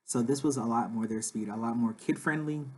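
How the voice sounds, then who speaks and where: A man's voice: medium pitch, brisk, darkish tone, breathy edge. A man in his thirties, a father, chatty and upbeat as he narrates a family vlog voice-over, often saying "like". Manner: enthusiastic, chatty, says "like" a lot.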